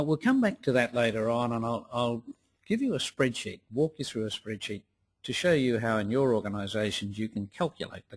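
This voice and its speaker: A man giving a webinar presentation in a deliberate way, repeating phrases for emphasis. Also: mid-range voice. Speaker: lecturer and presenter.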